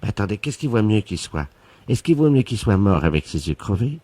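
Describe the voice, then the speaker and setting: A man's voice: lowish voice, very animated, fairly quick, warm tone, breathy edge, no room sound. A man voicing a muddled elderly wife on a prank phone call, dithering and flipping back and forth mid-sentence. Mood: fretting. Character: muddled elderly wife, scatterbrained and cheerfully morbid.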